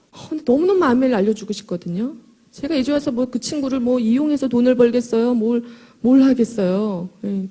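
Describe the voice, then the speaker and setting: Woman, middle-aged, motivational talk, mellow, higher-pitched, slightly hoarse, chatty and emphatic, large hall audience. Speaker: motivational speaker at a sales event.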